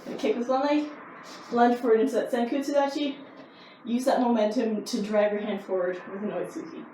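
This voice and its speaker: A woman explains karate drills in an informal, easygoing teaching style. Her voice is on the higher side. The sound is roomy and echoing, a bit distant from the mic, with faint noise. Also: steady tone, fairly quick, dark tone. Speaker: karate instructor. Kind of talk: casual instructional explanation of techniques.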